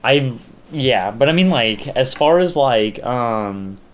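A man's voice: mid-range voice, animated, takes it slowly. A young man chatting casually as a podcast co-host, rambling with lots of fillers and restarts. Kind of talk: casual chat.

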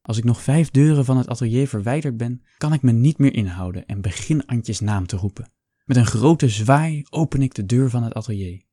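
A man reading a first-person story aloud in a calm, measured storytelling manner. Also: mid-range voice, no echo, clean studio sound. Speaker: audiobook narrator. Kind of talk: scripted first-person narration.

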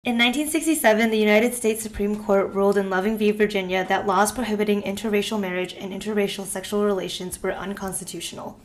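A woman's voice: mid-range voice, steady tone, fast, few pauses. Woman podcast host reading an intro. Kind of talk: scripted intro then casual chat.

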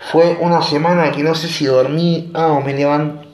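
A man's voice: on the high side, steady tone, normal speed, darkish tone, echoey room. A man with an Argentine Rioplatense accent hosting a casual monologue podcast, rambling with sarcastic joking asides. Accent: Argentine Rioplatense Spanish. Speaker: podcast host.

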